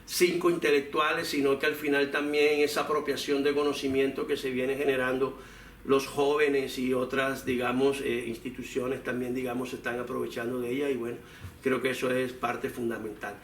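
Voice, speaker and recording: A man's voice: medium pitch, flat delivery, normal speed. Male researcher, explanatory and wordy, recorded at a distance with faint noise. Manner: discursive, frequent filler phrases like "digamos". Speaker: academic researcher being interviewed. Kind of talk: explanatory interview answers. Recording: echoey room, distant mic, faint noise.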